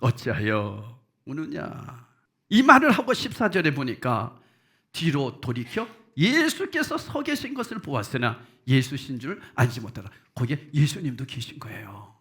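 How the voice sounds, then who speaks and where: A male pastor preaching a sermon in a chatty way, firing rhetorical questions at the congregation and swinging from soft low asides to loud, high exclamations. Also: huge pitch swings, moderate pace.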